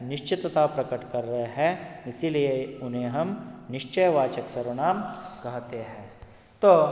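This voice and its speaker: A man teaching Hindi grammar, explaining slowly and listing example words one at a time. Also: fairly high pitch, a little mellow. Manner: slow, deliberate, repeats lists of example words one by one. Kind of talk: classroom explanation with spoken examples. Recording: echoey room with long reverb.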